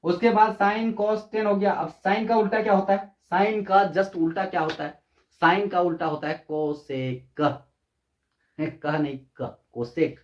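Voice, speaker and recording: A man's voice: high voice, fairly even intonation, takes it slowly. A male math teacher explaining at a digital board in a casual, repetitive way, often asking the class rhetorical questions. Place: room, drawing on a digital board. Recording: echoey, dull lo-fi sound.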